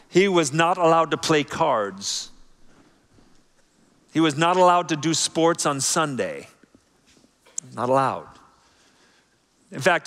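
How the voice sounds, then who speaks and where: Animated male preacher in reverberant hall. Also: fairly high pitch. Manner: animated, conversational preaching with sudden soft drops. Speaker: pastor. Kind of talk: sermon. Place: large church auditorium. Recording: long church hall reverb.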